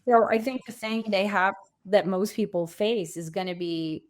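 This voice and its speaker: Appearing as a coaching guest on a podcast, a woman talks in a reflective, conversational manner and stresses key phrases. Her voice is medium-pitched and her pace moderate.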